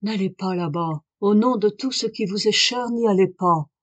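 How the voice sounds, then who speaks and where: A woman voicing a poor old male shoemaker who answers in terse, low refusals. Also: normal speed, natural voice. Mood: pleading.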